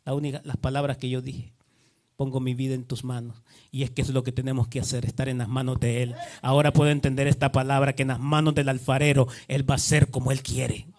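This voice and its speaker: A man's voice: medium pitch, little pitch movement, fast talker, hardly any pauses, darkish tone. A man giving an earnest testimony sermon, often repeating himself and quoting others in dialogue. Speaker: preacher.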